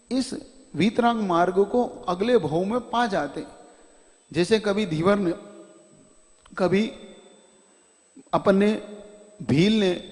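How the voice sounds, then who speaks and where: A male monk tells a devotional story as a sermon, earnest and often emphatic. His voice sits high for a man. A long hall reverb surrounds it. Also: a little mellow. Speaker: monk preacher.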